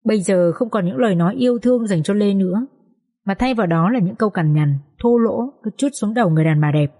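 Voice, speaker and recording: A woman narrating a dramatic story with steady, expressive reading. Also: medium pitch, quick pace, long reverb tail. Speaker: audiobook narrator.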